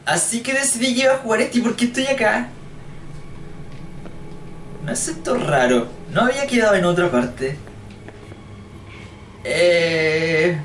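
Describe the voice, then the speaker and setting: A man's voice: sits high, very animated, a little slow, long pauses, fairly bright tone, distant mic, slight background noise. A man giving chatty gameplay commentary, joking and thinking aloud as he explores. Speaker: let's play gamer. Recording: roomy echo, voice a bit off-mic. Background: game music.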